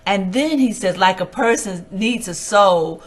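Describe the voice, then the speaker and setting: A woman's voice: mid-range voice, a little slow. Older woman giving preacherly song commentary. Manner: emphatic, preacherly, addresses listeners as guys. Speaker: host interpreting a song. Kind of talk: casual spiritual commentary.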